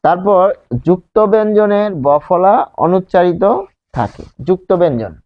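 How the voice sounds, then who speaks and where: A man teaching a grammar lesson with a fairly high voice, working through each point slowly and repeating key words. He keeps asking questions and answering them himself. The recording sounds a little dull and lo-fi. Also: lively intonation. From Bangladesh.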